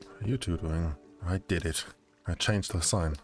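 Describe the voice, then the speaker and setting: A man's voice: low-pitched, normal speed. A man streaming an indie game, casually reading its dialogue aloud and commenting. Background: game music.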